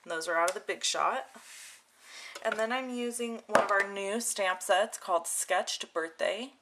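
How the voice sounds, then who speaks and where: With clicking audible in clear background noise, a woman at an indoor craft desk casually walks viewers through a hands-on craft demonstration she's hosting. Her pitch is medium, her pace measured, and her phrasing informal and chatty.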